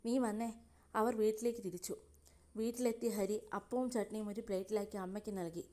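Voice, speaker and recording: A woman narrates a serial romance in a steady, even reading voice. Her tone is mellow and dark. It is scripted storytelling. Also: medium pitch, fairly quick.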